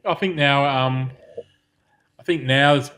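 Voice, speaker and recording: A male podcast co-host with a medium-pitched, somewhat bright, clear, resonant voice takes it slowly while chatting casually about films. He rambles, with many fillers and restarts.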